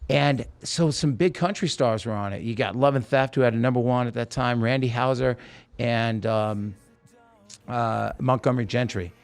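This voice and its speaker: A man talking in an easy, mid-pitched voice, spinning a long anecdote and slipping into the voices of the people he quotes. A faint music bed plays under him throughout. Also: normal speed, clear, resonant tone. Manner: animated anecdote teller, acts out quoted voices. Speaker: guest musician. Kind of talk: casual storytelling.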